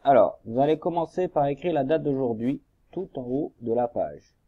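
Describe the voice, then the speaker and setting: A man's voice: mid-range voice, animated, normal speed, dry recording, narrow, tinny audio. A man teaching young children a reading lesson, patiently guiding them through workbook exercises and spelling out syllables. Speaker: primary school teacher.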